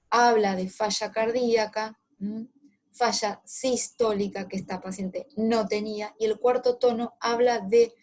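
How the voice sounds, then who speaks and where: A woman's voice: mid-range voice, a little mellow. Woman w/ teaching a med class, walks students thru cases, keeps saying remember this. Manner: explanatory, addresses students directly with reminders. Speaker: medical lecturer. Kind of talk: clinical case lecture.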